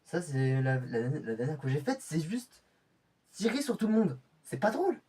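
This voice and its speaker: A man's voice: a little high, very animated, normal speed, mellow, slightly rough, far from the mic. A man playing a young male infiltrator getting ready for a covert mission, often stammering and restarting his sentences in amateur web-drama style. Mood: irritated.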